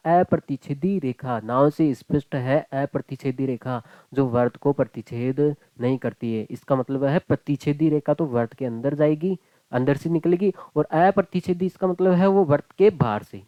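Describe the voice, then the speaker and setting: A man's voice: a little high, normal speed, warm tone, no room sound, dull audio. A man teaching a maths class online, chatty and joking, calling his students "beta" and "bhai".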